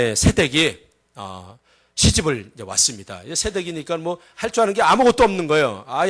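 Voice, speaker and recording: High-voiced Korean pastor preaching. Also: male voice. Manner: swings between loud emphatic lines and low quiet asides; acts out story voices with a raised pitch. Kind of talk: sermon.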